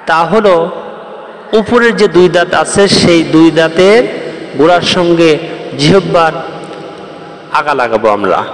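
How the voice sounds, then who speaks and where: A man's voice: on the high side, expressive, unhurried, pauses often, echoey room, big-room sound. A man from Bangladesh teaching the Arabic letters, explaining each step patiently and chanting the rhymes in a sing-song voice. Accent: Bangladeshi Bengali. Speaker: Quran teacher.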